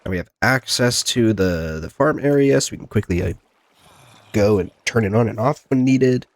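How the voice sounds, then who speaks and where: A man hosting a gaming video speaks in an animated, fairly low voice at a moderate pace, sounding stuffy-nosed as he shakes off a cold. His commentary is casual and rambling, frequently directed at himself or the characters on screen.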